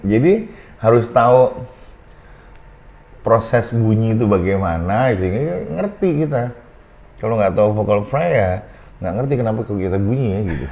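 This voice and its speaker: A relaxed male voice coach with a somewhat low voice, talking casually and demonstrating technique. He often drops into soft, quiet examples to show a point, then returns to normal chat. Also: normal speed, long pauses.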